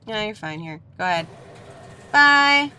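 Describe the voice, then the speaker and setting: A woman's voice: mid-range voice, expressive, measured pace, bright, forceful tone, slight background noise. A woman giving casual, playful video game commentary, chatting to the characters as she plays. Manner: playful, talks to the dolls.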